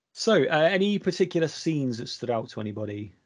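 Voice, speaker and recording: A man's voice: a little high, very animated, moderate pace, darkish tone. A young man from England, hosting a casual film review chat with a rambling, filler-heavy delivery.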